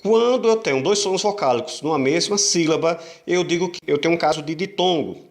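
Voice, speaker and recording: A Portuguese teacher with a slightly high, gravelly male voice leads an online grammar lesson. He patiently repeats the rules, poses rhetorical questions, and stretches syllables slowly to show where the stress falls.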